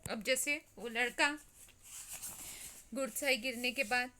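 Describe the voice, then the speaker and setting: A woman teacher with a fairly high, bright, ringing voice reads a Hindi story passage line by line. She talks slowly and then explains each line again in plain words. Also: a little hiss or hum. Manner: reads a line, then explains it simply, often with "yani" and "jaise". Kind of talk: reading and explaining a Hindi lesson.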